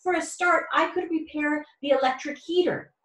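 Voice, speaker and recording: A woman voicing a calm, clever, food-loving male mouse who speaks in a reassuring, measured way, in a storybook reading. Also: high-pitched, voice pushed up. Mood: mysterious. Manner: reassuring, measured and pleased with himself. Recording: roomy echo.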